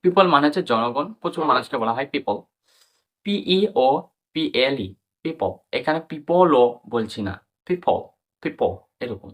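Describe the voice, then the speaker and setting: A man with a Bengali accent gives an English pronunciation lesson in a bright, forward voice. He spells each word letter by letter and repeats it slowly for learners. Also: mid-range voice, animated.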